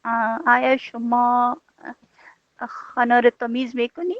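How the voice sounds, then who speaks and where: A woman student, answering hesitantly and softly with pauses in a practice dialogue. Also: fairly high pitch, flat delivery, dry recording, highs cut off.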